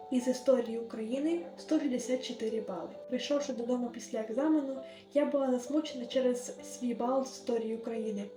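A young woman in her late teens, earnestly giving gentle advice as a vlogger. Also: a little high. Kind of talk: advice vlog narration. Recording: echoey room with music underneath.

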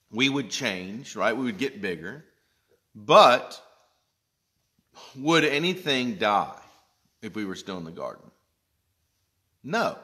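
A man in his thirties with a mid-range voice, a pastor, gives a gentle children's Bible lesson indoors in a church sanctuary. He speaks slowly, explaining step by step and checking in with questions, recorded on a phone camera held close.

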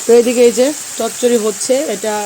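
Woman home vlogger, Bangladeshi accent, hoarse with a cold, slightly high voice, chatty, shot on a phone. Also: steady tone, a little fast, background noise. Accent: Bangladeshi Bengali. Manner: chatty, showing food to the camera. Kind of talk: casual home vlog narration.

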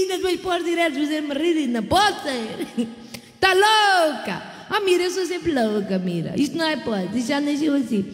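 A middle-aged woman from Portugal with a European Portuguese accent, hosting a live stream: chatty and bawdy, laughing often and sending kisses to viewers. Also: high-pitched. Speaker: live-stream host and keyboard singer. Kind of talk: casual live-stream chat with shout-outs. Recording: echoey room with long reverb and music.

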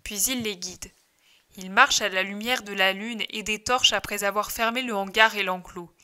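A woman narrating a devotional religious text in a steady, gentle reading style. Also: mid-range voice, normal speed. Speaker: audiobook reader.

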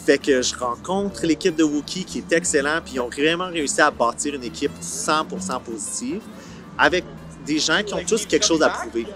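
Animated and a little high-pitched, this Franco-Ontarian series creator in his forties talks at normal speed. He's from Ottawa, Canada, and chats casually with an interviewer at an outdoor park film set, peppering colloquial speech with English words while soft music plays beneath.

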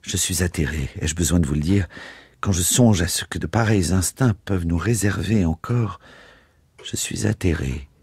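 A man's voice: low-pitched, normal speed, a little mellow, slightly rough, no echo. A man doing a pompous, blustering old father. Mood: dismayed. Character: pompous, irritable elderly male father.

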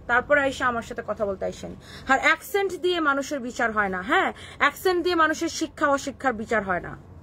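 A high, bright-voiced woman with a Kishoreganj Bengali accent talks back to viewers on a live stream. She scolds in a defiant way and drops English words into her Bengali, with faint noise behind her. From Bangladesh. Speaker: clothing shop owner hosting a live stream.

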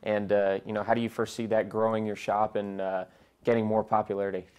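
A man's voice: lowish voice, little pitch movement, fast talker, a little mellow, clean tone. A young man, a radio station host, asking chatty, friendly questions in a casual interview while getting a haircut in a barbershop basement. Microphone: lapel.

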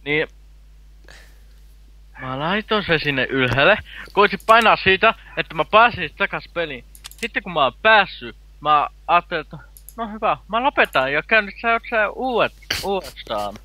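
A man chatting casually while gaming, rambling through halting explanations. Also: a little high, big pitch swings, bright, forceful tone, no echo. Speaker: gamer.

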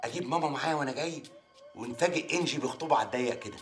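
A naive, eager Egyptian suitor, played by a man, talking very fast and hanging on every word. Faint music sits behind him. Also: medium pitch, close to an everyday voice. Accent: Egyptian Arabic.

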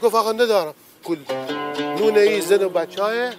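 A man's voice: high voice, music in the background. A man, a local resident, talking bluntly and with exasperation.

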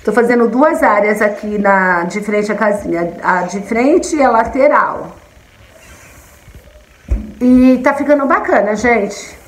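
A woman's voice: fairly high pitch, slow pace, reverberant, poor audio. A middle-aged Brazilian woman chatting casually and affectionately to her viewers on camera. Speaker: vlogger. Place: indoors in a small kitchen.

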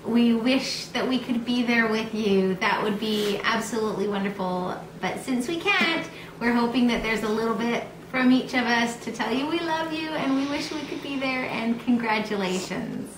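High-voiced woman in an echoey, noisy room. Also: normal speed. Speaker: mother recording a family greeting. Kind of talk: casual personal video message. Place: small wood-panelled room at home. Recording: echoey room, clear background noise.

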